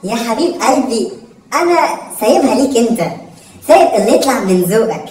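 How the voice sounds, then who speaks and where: Brief: woman doing a cheeky, greedy Egyptian son, high, very fast wheedling, roomy and off-mic. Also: very animated, mellow, distant mic, slight background noise. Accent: Egyptian Arabic. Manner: wheedling, pleading, rapid-fire repetition. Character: greedy cheeky young son begging for treats. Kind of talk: home comedy sketch. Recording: echoey room, voice off-mic.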